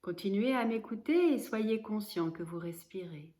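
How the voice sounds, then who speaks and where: A woman guides a yoga nidra relaxation in a mid-range voice, her instructions calm and measured, with pauses between them.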